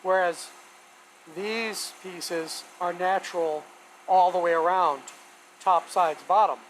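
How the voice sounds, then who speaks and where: A hobby woodworker rambles and thinks aloud on a live stream from his home woodworking shop, chatting casually and folksily while he works. His medium-pitched voice moves slowly, and the rough recording carries a steady hum from a running shop vacuum.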